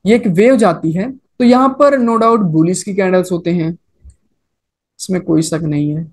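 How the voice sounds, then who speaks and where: A man whose voice sits high talks at a moderate pace while teaching trading on a screen-recorded chart. Casual and repetitive, he sprinkles in English trading vocabulary and regularly checks in with "okay" and "right?".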